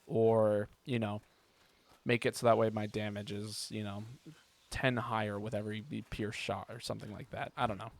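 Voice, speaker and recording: A man's voice: on the low side, flat delivery, moderate pace. A man streaming a video game, chatting casually and rambling as he thinks aloud. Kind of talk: casual live gaming commentary. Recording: clear background noise.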